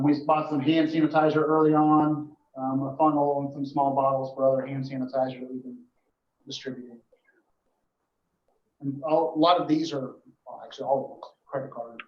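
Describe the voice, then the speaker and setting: An emergency dispatch official with a medium-pitched voice gives an informal report to a board in an indoor meeting room, explaining things in a halting, matter-of-fact way. The audio is dull, muffled and echoey.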